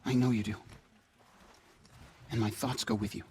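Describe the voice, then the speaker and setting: Gentle, devoted tribesman played by a man. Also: mid-range voice, level tone, normal speed, heavy background noise, close to an everyday voice. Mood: tender, earnest. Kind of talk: video game voice acting.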